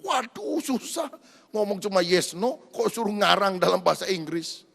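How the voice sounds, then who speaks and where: A man's voice: high voice, normal speed, gravelly. A male pastor preaching a sermon, telling a story and addressing the congregation directly. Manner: storytelling, animated, addresses congregation as brothers and sisters. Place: church. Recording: echoey church hall.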